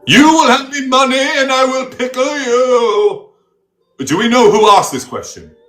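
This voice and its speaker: A man's voice: very high-pitched, fairly bright tone, reverberant, soft background music. A man playing a pompous pickle priest. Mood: grandiose. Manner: grandiose mock-archaic pronouncements, slow and solemn. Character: pompous self-styled male pickle priest. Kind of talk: comedic character interview.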